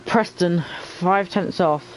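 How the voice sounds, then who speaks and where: A man with a fairly high voice leads casual commentary on a racing league. He calls the action in short, sometimes halting phrases, thinking aloud, over faint background noise. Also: poor audio. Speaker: lead commentator.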